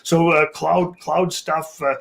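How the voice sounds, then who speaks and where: A man's voice: fairly high pitch, flat delivery, slow pace, gravelly, fairly bright tone. A man talking casually on a panel as a consultant, rambling with many "uh" fillers. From Canada.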